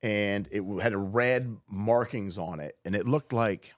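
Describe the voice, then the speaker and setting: A man's voice: fairly low pitch, unhurried, no room sound, clean studio sound. A man on a podcast as a guest, telling a story in a loose, profane way, often stopping and restarting. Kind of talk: casual storytelling chat.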